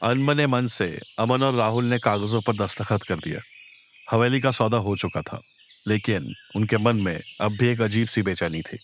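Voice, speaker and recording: A man giving measured, suspenseful scripted narration for a horror audio drama. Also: fairly low pitch, a little hiss or hum.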